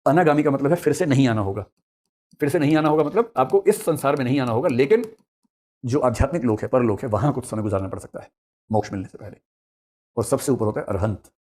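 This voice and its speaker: A middle-aged man telling a story as a lecture to students, acting out the characters' dialogue in lively asides. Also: medium pitch, husky. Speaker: teacher.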